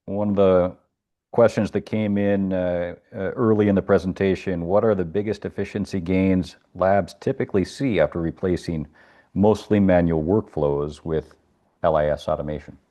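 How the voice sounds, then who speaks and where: A man moderating a webinar, reading audience questions with a hesitant, halting delivery. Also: sits low, dark tone.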